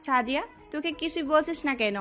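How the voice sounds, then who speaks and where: A brash young college bully girl voiced by a woman in an audio drama. She speaks in a high, aggressive, taunting voice. Faint music runs underneath. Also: brisk, bright, forceful tone. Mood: incredulous. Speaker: friend of the gang leader. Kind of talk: Bengali audio love-story drama. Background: faint background music.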